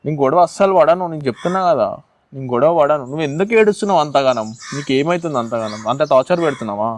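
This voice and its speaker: A man's voice: on the high side, expressive, rapid-fire. A young man acting in a love drama, pleading and insistent, repeating himself. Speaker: lead actor in a web drama. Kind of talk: acted love-drama dialogue.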